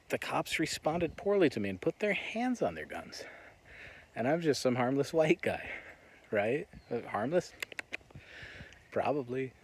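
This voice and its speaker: A man's voice: medium pitch, husky. A man with an American accent giving an earnest, reflective monologue as he walks and talks. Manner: earnest, reflective, talking while walking. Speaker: vlogger. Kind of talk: walk-and-talk monologue. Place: on the move while walking.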